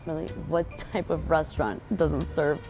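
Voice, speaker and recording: A woman's voice: sits low, fairly even intonation, normal speed, over music. A woman acting as an entitled mother who complains to restaurant staff about everything. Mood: complaining. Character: rude, demanding mother who complains constantly. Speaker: actor in a web skit. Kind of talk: scripted skit acting.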